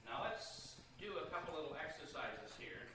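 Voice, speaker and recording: A man's voice: on the high side, lively intonation, moderate pace. A man teaching meditation to a group and guiding exercises, instructive and repeating phrases for emphasis. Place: indoor room with a group. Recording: echoey room, distant mic, noisy old tape.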